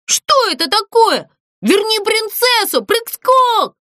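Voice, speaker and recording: A woman voicing a hot-headed talking mailbox from a storybook, loud and indignant. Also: extremely high pitch, lively intonation, moderate pace, no echo, studio quality, voice pushed up, exaggerated voice. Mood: outraged. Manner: shouting, indignant.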